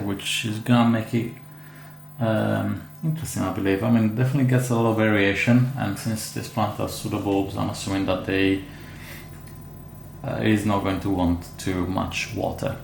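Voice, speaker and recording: A man with an Italian accent talks through an orchid unboxing in a hesitant, chatty way, full of fillers and restarts. His voice sits low and gravelly. The room is echoey, with faint ambient noise behind him. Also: little pitch movement, moderate pace, darkish tone. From Italy. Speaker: orchid grower. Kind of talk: casual unboxing vlog.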